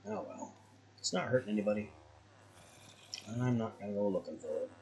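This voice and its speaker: A man's voice: on the low side, sing-song, brisk, warm tone, a little hiss or hum. A man giving casual let's-play commentary as a gaming host, musing aloud in a wry, conversational way.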